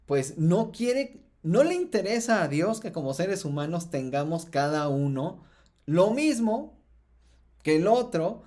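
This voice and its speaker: Mexican guy on a faith podcast, kinda high voice, thinks out loud with lots of ums, pushes up on key points. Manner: thoughtful, many fillers and restarts, rises in emphasis. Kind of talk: reflective podcast teaching.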